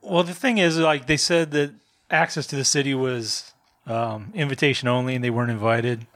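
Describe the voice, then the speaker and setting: A man on a film review podcast adds short, laid-back explanations to the conversation. His voice sits at an ordinary middle pitch, and he talks in a relaxed, conversational way. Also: moderate pace. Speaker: podcast co-host. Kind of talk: casual film review chat.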